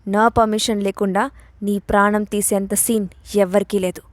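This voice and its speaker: A woman's voice: mid-range voice, flat delivery, normal speed, dry recording, voice pushed down, close to an everyday voice. A woman voicing an arrogant, powerful young man who speaks in a cocky, clipped way.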